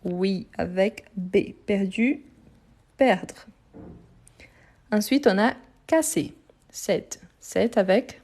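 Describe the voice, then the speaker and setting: A woman's voice: mid-range voice, extremely slow, pauses often, a little mellow. A woman teaching French in a live online grammar lesson, recorded on her phone, patiently repeating answers and praising students.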